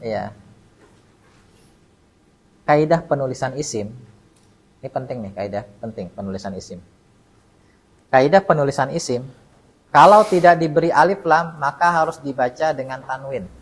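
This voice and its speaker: A man's voice: mid-range voice, lively intonation, normal speed, pauses often, poor audio. A man teaching Arabic grammar at a mosque study session, quizzing students by name and leaving words unfinished for the class to complete. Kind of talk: classroom lecture with call-and-response drilling.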